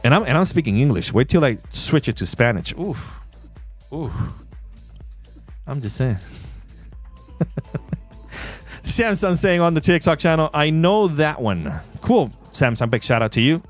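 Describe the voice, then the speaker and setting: Playful guy on a livestream, bouncy voice going up and down, laughing a lot, some quiet music underneath. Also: fairly high pitch, very animated, a little slow, pauses often. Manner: playful, reads chat shout-outs, laughs often. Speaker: livestream host. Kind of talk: casual livestream chat. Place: in Puerto Rico.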